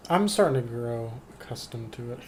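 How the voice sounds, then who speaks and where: Man, let's play gamer, casual commentary, joking, swearing, halting reading aloud, mid-pitch. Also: animated.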